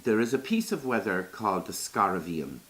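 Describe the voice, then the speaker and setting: A man's voice: lowish voice, sing-song, fairly quick, a bit bright. A man with a Kerry Irish accent telling folklore in a lilting, conversational storyteller's way. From Ireland, Iveragh in County Kerry.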